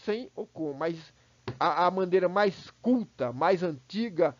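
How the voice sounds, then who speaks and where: A man with a Brazilian Portuguese accent walks students through a grammar lesson in a fairly high voice, checking in with them often. He repeats words as he gathers his thoughts. The recording is dry and a little dull, like a basic home setup. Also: lively intonation, slow, dry recording. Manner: explanatory, checks in with "né?" and "tá?", repeats words while thinking. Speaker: teacher. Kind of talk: recorded online class.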